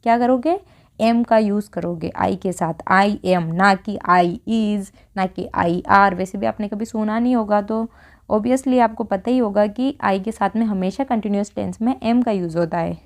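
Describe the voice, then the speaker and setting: A young woman teaching spoken English, who explains grammar step by step and repeats each English sentence slowly. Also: medium pitch.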